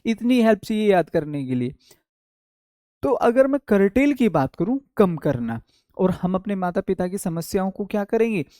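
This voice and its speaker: A man teaching English vocabulary in an online exam-prep class, asking questions and answering them himself and drawing out key words slowly for memory. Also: sits high, sing-song, warm tone, no room sound, studio quality.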